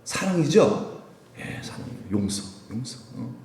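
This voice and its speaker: Animated male pastor preaching. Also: mid-range voice, echoey room. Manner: animated preaching, rising to emphatic peaks, slow quoted scripture. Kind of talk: sermon. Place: church sanctuary.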